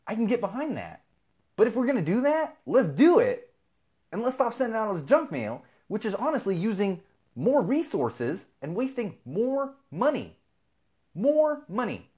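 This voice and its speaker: A man's voice: high voice, wildly swooping pitch, normal speed, a little mellow. A man from Southern California hosting a live feed, ranting casually and with exasperation, swearing freely. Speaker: podcast host.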